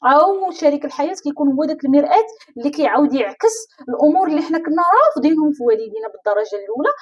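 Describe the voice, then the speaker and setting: A woman's voice: high-pitched, dark tone, lo-fi sound. A woman life coach with a Moroccan Arabic accent gives a motivational talk, speaking straight to the listener and asking many rhetorical questions.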